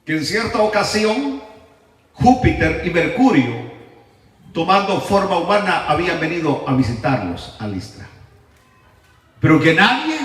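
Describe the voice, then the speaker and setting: Dramatic preaching man in echoey hall. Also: sits high. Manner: dramatic storytelling, swings between shouts and hushed asides. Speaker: pastor. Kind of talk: sermon. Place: church sanctuary. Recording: echoey church hall, mic at a distance.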